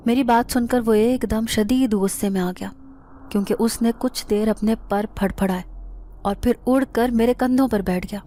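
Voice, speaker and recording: A woman narrating a scripted first-person horror story in a steady, dramatic manner. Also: fairly high pitch, a little hiss or hum.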